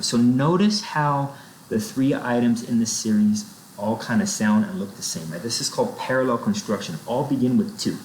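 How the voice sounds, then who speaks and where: A man explaining sentence structure in a recorded lecture, checking in with "right?" and "okay?" as he goes. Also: fairly low pitch. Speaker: writing instructor. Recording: roomy echo, faint noise.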